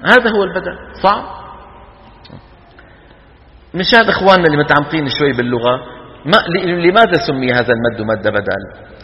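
A man's voice: on the high side, quick pace, dull audio. A man teaching Quran recitation to a class, demonstrating vowel lengths and quizzing his students. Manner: lively, asks the class questions and demonstrates long vowels. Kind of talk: classroom lecture. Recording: hall with long reverb.

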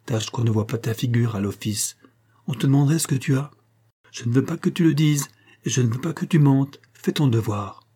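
A man voicing a kind invalid lady who speaks gently but firmly to her young servant, in a read-aloud novel. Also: mid-range voice, brisk, breathy edge, lightly acted. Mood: gentle, firm. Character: kindly invalid lady, firm yet tender.

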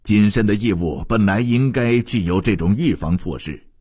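A male audiobook narrator with a low, husky voice reads a literary novel. His delivery is measured yet lively in pitch, and the sound is dry and close. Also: dry recording. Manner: measured, expressive storytelling.

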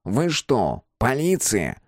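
Man playing homeless middle-aged man, nasal, thin, meek, raised pitch. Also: huge pitch swings, slow pace, no room sound, studio quality, full character voice. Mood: evasive. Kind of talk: audiobook character voice.

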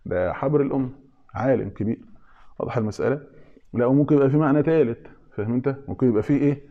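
A man with an Egyptian Arabic accent teaches an informal religious lesson, frequently posing questions to his listeners and answering them himself. His mid-range voice comes fast, with phone-quality sound.

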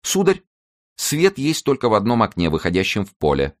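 A man's voice: fairly low pitch, huge pitch swings, fairly quick, voice pushed up. A man reading aloud and voicing an anxious, loyal young manservant who talks in a jittery, cautious way. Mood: eager.

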